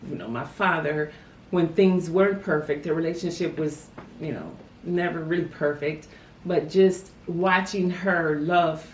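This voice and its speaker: A woman's voice: deep voice, a little slow, slight background noise. A woman reflecting on family memories in an interview, telling stories with frequent "you know". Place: family home. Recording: roomy sound from a distant mic.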